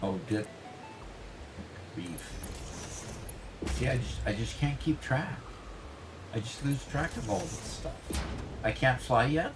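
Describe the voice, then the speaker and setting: A man co-hosts a gaming livestream, chatting casually as they play; he's playful and gets flustered easily. His mid-range voice is expressive, slow, and full of pauses. Music plays behind him, and the audio is poor.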